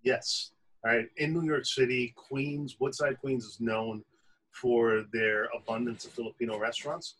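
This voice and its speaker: A man with a slightly husky voice, a restaurant owner being interviewed, explaining things with enthusiasm for food. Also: mid-range voice, little pitch movement, measured pace, a bit bright, poor audio.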